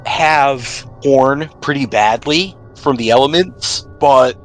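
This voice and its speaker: A man with a mid-range voice speaks slowly as a game master, narrating a tabletop role-playing game and laying out scenes and rules in a descriptive, conversational, storytelling style. The recording is rough, with faint music in the background and noticeable background noise.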